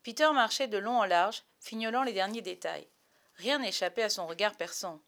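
A woman reading a children's story aloud with a lively, expressive delivery. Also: mid-range voice, normal speed.

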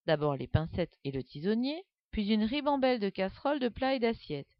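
A woman's voice: medium pitch, fairly quick, no room sound. Woman reading a children's story. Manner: lively, expressive reading. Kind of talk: scripted children's story narration. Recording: dull lo-fi dry recording.

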